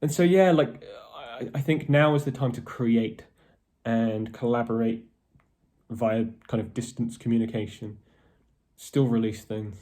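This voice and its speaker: A man's voice: medium pitch, fairly even intonation, a little slow, dark tone. Voiced man rambling to fans. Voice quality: posh-sounding voice. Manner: rambling, with many ums and restarts. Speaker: metal band member. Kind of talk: casual video update to fans.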